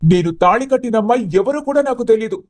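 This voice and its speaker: Young cartoon groom, high voice, emphatic and pleading. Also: male voice, expressive, brisk, darkish tone, dry recording. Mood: upset. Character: young man, groom, upset and confused.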